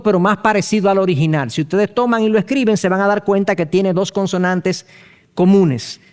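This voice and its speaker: A male pastor teaching a Bible study, explaining step by step, asking rhetorical questions and spelling terms out slowly. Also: high voice.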